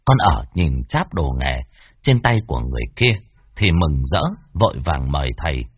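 A man with a husky voice narrating a horror story, expressive with wide swings in pitch. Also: moderate pace, dry recording. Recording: dull lo-fi dry recording.

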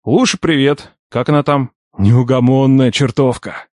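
A man reading an audiobook, voicing a gruff middle-aged boss who grumbles and scolds his nephew. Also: on the high side, sing-song, normal speed, dry recording, studio quality. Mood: gruff fond. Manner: grumbling, bossy, teasing. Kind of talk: audiobook character voice.

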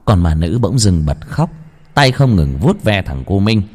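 Husky man narrating a ghost story. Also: deep voice, sing-song, unhurried, a little mellow. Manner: dramatic storytelling.

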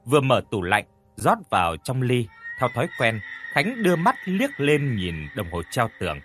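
A male storyteller reads an audio horror story in a measured, expressive way. His voice sits at a middle pitch with lively intonation. Faint music plays underneath. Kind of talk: scripted horror story narration.

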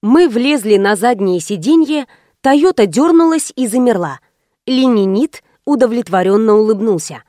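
Женщина читает аудиокнигу, высокий голос. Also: female voice, fairly high pitch, lively intonation, moderate pace, warm tone, dry recording, studio quality. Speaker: audiobook narrator. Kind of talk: first-person audiobook narration.

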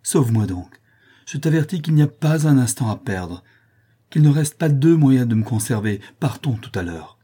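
A frantic young countess in love, pleading and urgent, her words pressing one on another. A man reads her lines in his own dark, husky voice, lifted a little higher for her. This is a storybook reading. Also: lively intonation, normal speed, few pauses.

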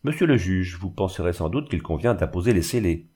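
A man reading aloud, voicing a polite, indifferent notary in a measured, formal manner. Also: low-pitched, expressive, mellow. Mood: calm.

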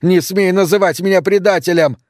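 A man voicing a hot-tempered, rebellious young son who shouts back defiantly. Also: a little high, lively intonation, normal speed, dry recording, studio quality, pitched above the performer's own voice, close to an everyday voice.

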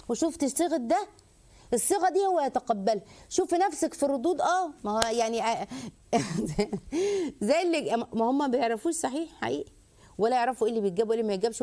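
Woman host, call-in advice, brisk lecturing delivery, a little high, very fast. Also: dark tone. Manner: brisk, lecturing, quick to act out dialogue.

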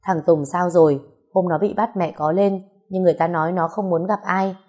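A woman's voice: fairly low pitch, fairly even intonation, a little fast, dark tone, natural voice. Woman voicing a weary old village mother. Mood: worried. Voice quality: pleading, complaining. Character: weary elderly village mother, proud and tearful.

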